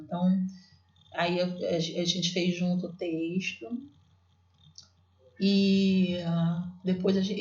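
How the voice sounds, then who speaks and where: A woman's voice: lowish voice, darkish tone, lo-fi sound. Chatty woman teacher, roomy sound. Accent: Brazilian Portuguese. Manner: chatty, many fillers and restarts. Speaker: literacy teacher. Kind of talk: explaining classroom practice to viewers.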